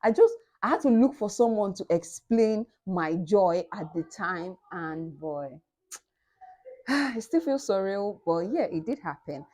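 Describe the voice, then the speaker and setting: A woman's voice: lively intonation, unhurried, darkish tone. A young woman in her twenties with a Nigerian accent, chatting to camera as a book vlogger in a playful, boastful way. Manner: chatty, playful and boastful, jumps back and forth in pitch. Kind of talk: casual vlog chat to camera.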